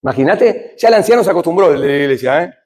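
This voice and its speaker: A middle-aged Argentine man with a Rioplatense accent gives a talk on addiction in church. His voice sits high for a man and has a husky, breathy grain. He talks to the room like a conversation, asks questions, and moves from loud to hushed. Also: lively intonation, quick pace. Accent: Rioplatense Spanish. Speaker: addiction recovery speaker.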